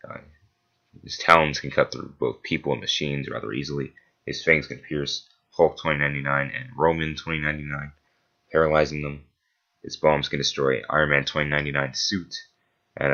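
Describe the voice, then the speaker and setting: Very deep-voiced man, bright forceful edge. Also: highs cut off. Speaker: video essayist debunking a versus match-up. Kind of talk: scripted analytical commentary with casual asides.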